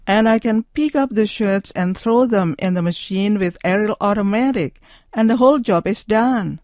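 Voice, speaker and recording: A woman's voice: medium pitch, moderate pace, darkish tone, no echo, close to an everyday voice. Actress as scripted female voice, dry sound. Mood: satisfied customer. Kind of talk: scripted performance.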